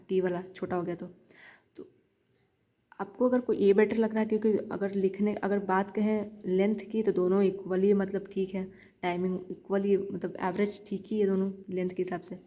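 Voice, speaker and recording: A medium-pitched female voice comes through with dull audio quality. She's a young shorthand learner vlogging casually, offering chatty practice tips and going over her points again to coach viewers.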